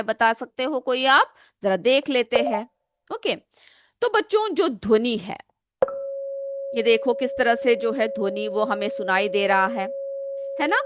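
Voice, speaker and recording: A woman teacher explains a science lesson to children, posing questions and answering them herself. Her voice sits a little high for a woman. It is recorded close and dry, with almost no room sound. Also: fairly bright tone, no room sound. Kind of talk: classroom lesson, explaining a simulation.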